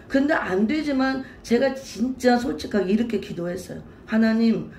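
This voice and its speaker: A woman's voice: mid-range voice, vocal fry, a little mellow, slight background noise. A woman pastor giving an emotional sermon testimony, speaking emphatically and repeating her phrases. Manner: emotional, repetitive, emphatic storytelling. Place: church sanctuary. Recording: roomy church echo, faint ambience.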